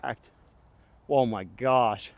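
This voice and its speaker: Young male vlogger outdoors, casual play-by-play, out of breath, jumps to excited yelps at his throws, mid-pitch voice. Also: very slow, creaky, lo-fi sound. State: winded and tired. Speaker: disc golf vlogger. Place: outdoor disc golf course.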